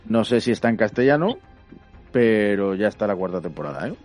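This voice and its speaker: A man's voice: fairly low pitch, sing-song, brisk, a little mellow. A man chatting casually as a podcast panelist. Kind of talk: casual chat. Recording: music behind the voice.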